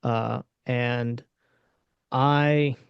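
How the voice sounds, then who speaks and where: A man's voice: medium pitch, fairly even intonation, drawn-out words, gravelly, clear, resonant tone, dry recording. A man speaking as a panelist in a casual panel discussion, frank and conversational with lots of fillers, over a video call. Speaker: panelist and local political candidate. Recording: dull, lo-fi, dry webinar audio.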